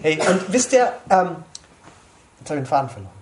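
Chatty German preacher with a higher voice. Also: male voice, sing-song, a little fast, heavy background noise. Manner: conversational, asks listeners often. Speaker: preacher at a small church group. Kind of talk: informal sermon.

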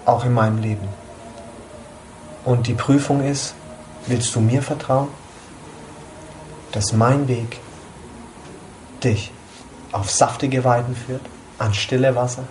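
A man's voice: medium pitch, slow pace, long pauses, a little hiss or hum. A man giving an informal sermon to a small group, conversational, often asking his listeners questions. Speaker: preacher at a small church group.

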